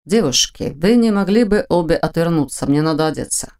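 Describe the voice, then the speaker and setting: A woman voicing a drowsy, grumbling young man in an audiobook. He speaks slowly and sleepily, with a gruff edge. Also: deep voice, animated, darkish tone. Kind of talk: audiobook character voice.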